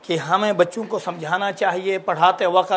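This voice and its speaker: A man's voice: high-pitched, steady tone, fairly bright tone, breathy edge. A man teaching Quran recitation in a religious lesson, explaining patiently and drawing out syllables to demonstrate. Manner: drawn-out demonstration of syllables and words; explaining, repeating examples patiently.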